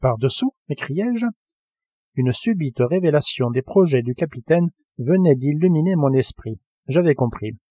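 Brief: man narrating an audiobook, measured literary reading, mellow tone, dry close mic. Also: on the high side, expressive, husky, no room sound. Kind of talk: scripted narration.

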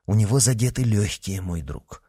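A man's voice: fairly low pitch, animated, normal speed, warm tone, slightly rough, dry recording, studio quality. A man playing a bold, witty musketeer. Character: bold, quick-witted young male musketeer.

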